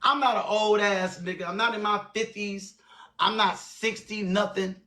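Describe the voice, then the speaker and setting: A man's voice: sits high, steady tone, moderate pace, pushed and bright, roomy sound. A man in his forties hosting a livestream, talking bluntly and repeating phrases and names for emphasis. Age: 40s. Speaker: livestream host. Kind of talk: heated livestream chat.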